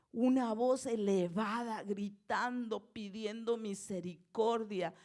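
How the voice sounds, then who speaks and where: A woman's voice: mid-range voice, darkish tone. Woman pastor preaching with emphatic bursts. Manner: preaching with rising, emphatic bursts and acted prayers. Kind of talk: sermon.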